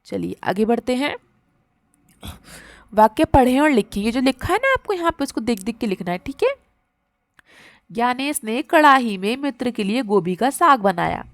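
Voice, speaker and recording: A woman teacher, taking young children patiently through a workbook lesson and repeating each word slowly. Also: fairly high pitch, big pitch swings, no echo, studio quality.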